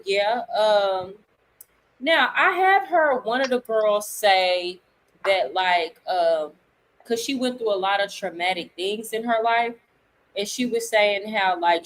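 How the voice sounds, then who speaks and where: A woman's voice: medium pitch, low-quality recording. A woman hosting a live talk stream, speaking bluntly and laying out her opinions point by point. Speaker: livestream host.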